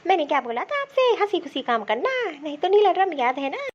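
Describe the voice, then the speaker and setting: A woman's voice: high voice, sing-song, a little fast. A woman voicing a smug, bossy young daughter-in-law in a cartoon, who gives orders in a sweetly taunting way. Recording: dull lo-fi sound.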